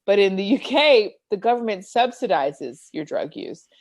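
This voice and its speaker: A woman in her thirties with a New York accent, co-hosting a casual podcast chat, animated and swearing freely. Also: medium pitch, moderate pace. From United States. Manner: animated, swearing, laughs often, puts on voices for quotes. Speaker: podcast co-host.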